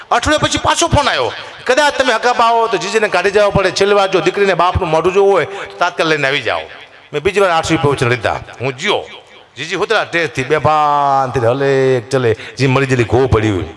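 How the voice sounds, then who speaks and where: A man doing folk stand-up comedy on a live stage, telling jokes and stories. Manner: animated storyteller, voice jumping high for punchlines. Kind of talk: Gujarati dayro stand-up storytelling.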